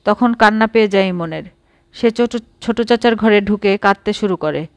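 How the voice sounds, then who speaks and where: A woman narrating a short story for an audiobook, calm and even. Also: mid-range voice, normal speed, no room sound.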